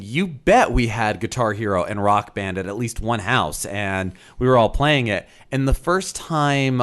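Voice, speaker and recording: A man in his thirties co-hosting a podcast in casual chat, animated and quick to slip into playful voices. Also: mid-range voice, clean tone. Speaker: podcast co-host.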